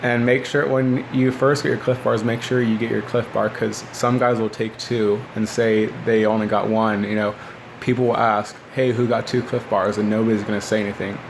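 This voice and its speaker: Creaky-voiced young man, flat and low. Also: moderate pace, hardly any pauses, noisy background. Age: 20s. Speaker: former military recruit recounting boot camp. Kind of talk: casual rambling storytelling to camera. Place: small living room indoors, seated by a window. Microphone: phone at arm's length.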